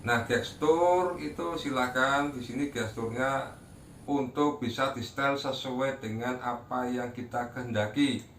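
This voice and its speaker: Echoey, slow-paced man giving a tutorial. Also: medium pitch, a bit bright. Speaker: tutorial presenter. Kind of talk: explanatory tutorial talk, addressing viewers. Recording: roomy echo, distant mic, faint noise.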